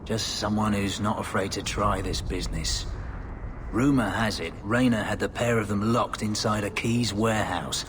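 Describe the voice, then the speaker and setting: An actor playing a weary older male street informant, talking in a blunt, gruff, matter-of-fact way. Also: on the low side, fairly even intonation, moderate pace, background noise, lightly acted.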